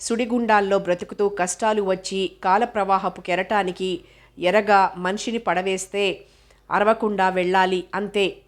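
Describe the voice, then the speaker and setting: A woman's voice: mid-range voice, steady tone, normal speed, close to an everyday voice. Sorrowful resigned young woman, grave and fatalistic, read by a woman narrator.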